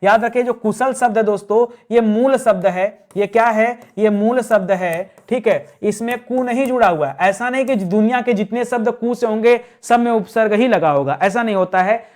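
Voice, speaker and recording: Male tutor, high-pitched, methodical, repeats answers for the class. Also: normal speed, hardly any pauses, darkish tone. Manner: explanatory, repeats key words, addresses viewers as friends. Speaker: teacher. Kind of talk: exam-prep grammar lesson.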